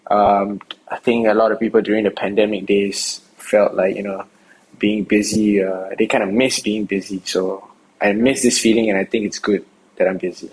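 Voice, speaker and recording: A young Singaporean rapper, interviewed outdoors, answers casually and ramblingly, full of fillers and restarts. His voice is fairly low, at normal speed with fairly even intonation. The low-quality recording carries a little hiss or hum.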